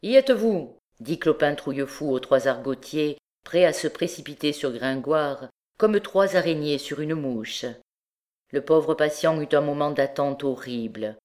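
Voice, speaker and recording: Female audiobook reader, measured, expressive narration. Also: low voice.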